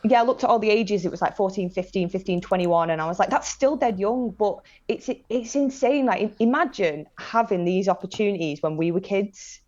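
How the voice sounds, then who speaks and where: This woman in her late twenties, from the Manchester and Blackpool area of northern England, has a Northern English accent and chats casually as a podcast guest, sharing personal anecdotes in an enthusiastic, slangy, informal way. Her mid-range voice is darkish and fairly quick, with few pauses, and the recording sounds muffled.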